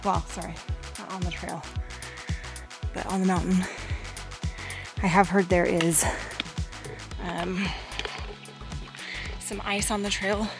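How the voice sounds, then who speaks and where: A woman's voice: on the low side, level tone, slow, long pauses. Casual, candid woman vlogger with music behind. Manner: informal, candid. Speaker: travel vlogger. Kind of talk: casual chat to camera.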